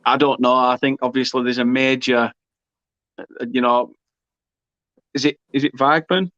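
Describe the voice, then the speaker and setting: Man, football watchalong host, smooth voice, dry muffled sound. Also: mid-range voice, normal speed, no room sound. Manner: excitable, shouts during goal moments. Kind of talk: live football watchalong commentary.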